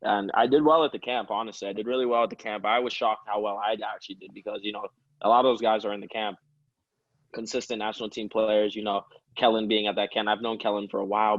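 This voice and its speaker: As an interview guest, a twenty-something pro soccer player talks fast in a lowish voice, rambling easily and laughing frequently. The audio is dry, with the highs cut off.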